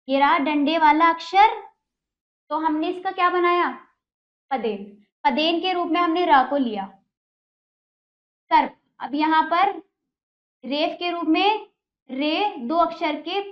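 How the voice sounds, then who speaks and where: A woman's voice: high-pitched, muffled recording. A woman teacher giving a spelling lesson to young children, explaining patiently step by step with repeated examples.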